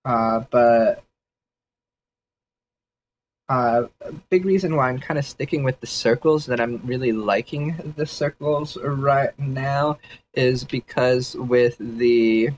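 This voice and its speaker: Man, livestream thinking aloud, rambling, hedging, mid-pitched voice, faint noise behind. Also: poor audio. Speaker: 3D artist streaming a sketch session.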